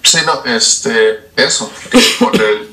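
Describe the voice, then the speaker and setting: A man's voice: medium pitch, drawn-out words, sharp tone. A man, interviewing a pastor in easy conversation, chatty. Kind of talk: casual conversation. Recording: echoey room.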